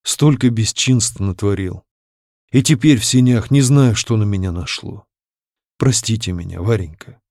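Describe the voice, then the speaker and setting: A man reading a storybook voicing a brooding middle-aged widower who speaks low, slow and softly, slightly slurred. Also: dry recording, clean studio sound. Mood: repentant.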